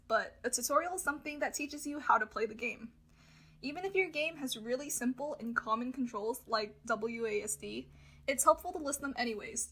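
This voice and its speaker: A woman's voice: sits high, a bit bright. A woman lecturing, giving a prepared, instructional explanation directly to her listeners. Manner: lecturing, clear instructional phrasing addressed to listeners.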